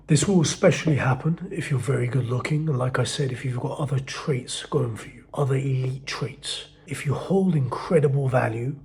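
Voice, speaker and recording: A man giving blunt, profane dating advice in a casual monologue, swinging between loud emphasis and low muttering. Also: creaky.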